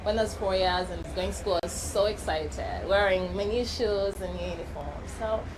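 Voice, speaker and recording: A woman's voice: medium pitch, moderate pace. A twenty-one-year-old woman from Uganda, giving a confident, rehearsed pageant self-introduction. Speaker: pageant contestant. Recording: noticeable background noise.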